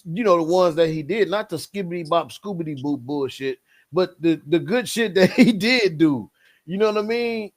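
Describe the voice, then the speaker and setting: Animated higher-voiced man in casual chat. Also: normal speed. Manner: animated, emphatic, frequent "bro" and "like". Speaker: podcast co-host.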